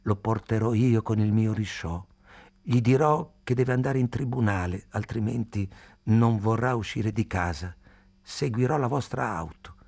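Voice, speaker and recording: A man reading aloud, voicing a loyal rickshaw man who pleads in a high, loud, shouting voice. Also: unhurried, creaky. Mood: grim resolve.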